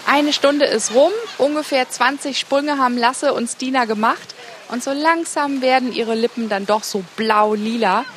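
A woman's voice: high-pitched, normal speed, a little hiss or hum. A woman reporter asking encouraging, upbeat questions at an outdoor pool for a children's TV report.

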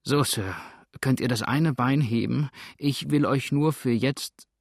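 A man's voice: mid-range voice, measured pace, gravelly, no echo, clean studio sound. A man doing a fearful, grumbling pirate helper. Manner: anxious, complaining. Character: timid grown male pirate's helper, fearful.

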